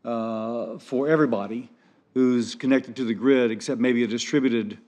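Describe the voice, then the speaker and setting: A man with an ordinary mid-pitched voice questions a witness as a senator. He talks conversationally, cuts in to follow up, and drops casual asides along the way. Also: fairly even intonation, normal speed, darkish tone. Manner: conversational, interrupting, self-deprecating asides.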